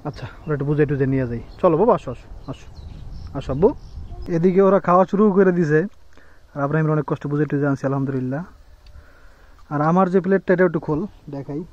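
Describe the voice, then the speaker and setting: A young man talks to the camera in a relaxed family vlog, recorded outdoors at a rural home. His voice sits high and his words tumble out quickly. The audio is dull and lo-fi, like a phone recording. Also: dry recording. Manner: chatty, coaxing with his small son, talks to viewers directly. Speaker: family vlogger. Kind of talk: casual family vlog chat.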